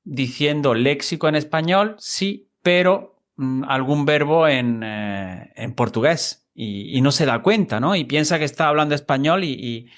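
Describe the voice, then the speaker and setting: A man's voice: on the high side, unhurried, hardly any pauses, a bit bright. A man hosting an interview. He is a Spanish teacher and talks hesitantly, with many fillers and tag questions. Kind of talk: casual interview chat.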